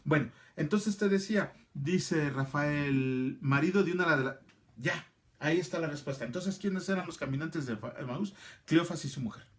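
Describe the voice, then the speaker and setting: A man's voice: a little high, normal speed. A middle-aged man, teaching a casual Bible class and answering viewers by name. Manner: chatty, answers viewer comments by name, repeats phrases.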